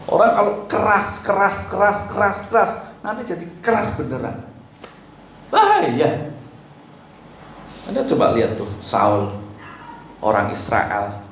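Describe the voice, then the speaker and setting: High-voiced preacher in an echoey hall. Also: male voice, wildly swooping pitch, measured pace, pauses often. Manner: exhorting, pleading and emphatic, swinging between loud and soft. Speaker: pastor. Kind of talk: sermon. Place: church hall. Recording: echoey church hall with faint noise.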